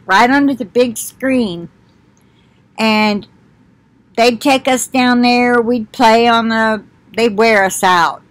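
An older woman with a fairly high, slightly bright voice chats casually to her webcam from her living room couch as a commentary channel host, reacting to a video. She reminisces and laughs often, and with the webcam at desk distance there's no room sound.

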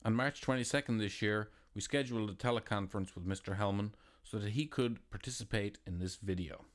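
A man reading a scripted, formal narration in a measured way. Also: lowish voice.

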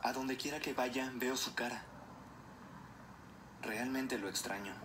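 A man's voice: mid-range voice, steady tone, slow pace, heavy background noise, voice pushed down, natural voice. A young man voicing a boyish, earnest, flustered superhero in an amateur Spanish movie dub. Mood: wistful. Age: young adult.

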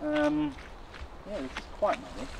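A YouTube host with a high voice, huge pitch swings and vocal fry speaks a little slowly while walking through muddy woods with a handheld camera. He chats casually, hesitating and interrupting himself, over noisy outdoor camera audio.

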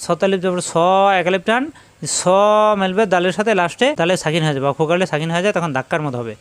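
A man's voice: high-pitched, expressive, racing, clean tone, no echo. A man teaching Quran letter pronunciation, spelling each letter out and repeating it for his students. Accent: Bangladeshi Bengali. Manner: addresses students directly.

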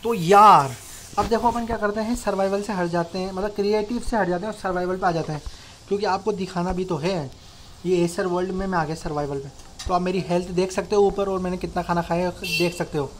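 A man's voice: sits high, fairly even intonation, quick pace, a little hiss or hum. A young man casually narrating his own gameplay as host of a gaming channel, talking informally and directly to his viewers like friends. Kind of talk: casual Minecraft tutorial voice-over.

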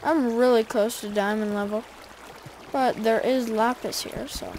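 A woman's voice: fairly high pitch, steady tone, a little slow, darkish tone, slight background noise. A woman giving casual gameplay commentary, rambling and chatty as she talks straight to her viewers. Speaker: gaming video creator.

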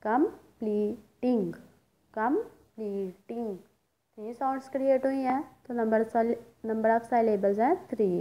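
A woman teaching a recorded English lesson. She reads English words slowly and explains each one in Urdu. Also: fairly high pitch, mellow, poor audio. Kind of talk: recorded class lecture.

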